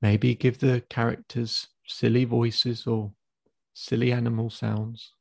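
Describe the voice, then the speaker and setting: Gravelly-voiced man guiding a visualization. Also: medium pitch, no room sound. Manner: slow, calm, instructive pacing with counted cues. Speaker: therapist guiding a client. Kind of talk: guided visualization exercise.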